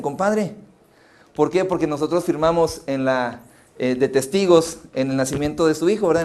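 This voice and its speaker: A man's voice: on the high side, a little mellow. A Mexican man preaching at a pastors' conference, telling stories in a conversational way with many restarts. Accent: Mexican Spanish. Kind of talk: conference sermon. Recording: live phone stream of a sermon.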